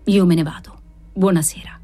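A woman reading aloud voices a frightened male spirit medium who speaks low and hoarse. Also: steady tone, moderate pace, mellow, lightly acted. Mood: defensive.

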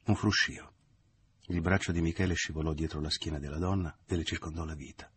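A man narrating a literary novel as an audiobook in a measured, expressive reading. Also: rumbling low, a little hiss or hum.

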